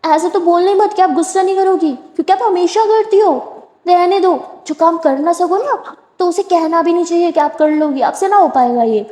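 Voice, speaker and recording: A woman voicing a quick-tempered young woman who scolds sharply. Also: high voice, lively intonation, mellow. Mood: scolding. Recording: echoey room with long reverb.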